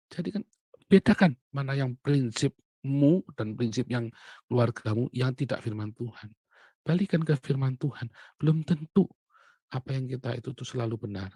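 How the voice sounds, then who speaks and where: A middle-aged man preaching a sermon, acting out quotes from his family and swinging between loud and soft passages. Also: mid-range voice, slightly rough, no echo.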